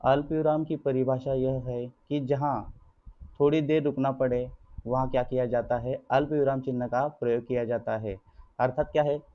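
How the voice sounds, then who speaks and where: A man's voice: mid-range voice, fairly even intonation, moderate pace. A male school teacher gives an online grammar lesson over slides, patiently explaining to the children and constantly posing rhetorical questions that he answers himself. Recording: dull lo-fi recording.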